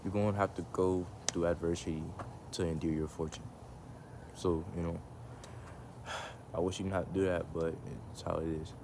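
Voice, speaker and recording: Out in the sun with his phone camera, a man with a low-sitting voice chats casually to the camera at a moderate pace, pausing often against a noisy background. His reflective rambling is full of fillers and restarts, and his voice can become monotone.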